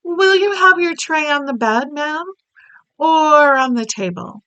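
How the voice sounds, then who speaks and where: A woman's voice: high-pitched, expressive, a little slow, pushed and bright, dry recording, voice pushed up, heavily acted. A woman voicing an oldish maid who talks in a deferential, stammering way. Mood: anxious.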